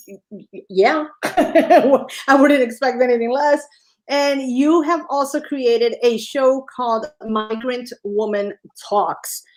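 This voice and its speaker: A woman hosting an online talk show in a high voice. She is effusive, heaping praise on her guest and repeating her welcomes. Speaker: co-host.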